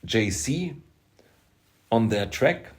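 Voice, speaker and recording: A man from Austria with an Austrian German accent, a German speaker, making an emphatic vlog monologue about hip-hop, halting with self-deprecating asides. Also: medium pitch, lively intonation. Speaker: music producer and rapper.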